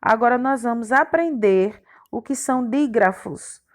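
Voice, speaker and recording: Speaking a little slowly in a fairly high voice, this woman is a primary school teacher. She spells out letters and syllables individually in a recorded grammar lesson aimed at young children.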